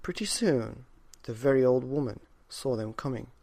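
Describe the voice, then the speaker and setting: A man's voice: mid-range voice, expressive, moderate pace, vocal fry, darkish tone, slight background noise. A man narrating a children's bedtime story expressively, with dramatic, rhythmic emphasis.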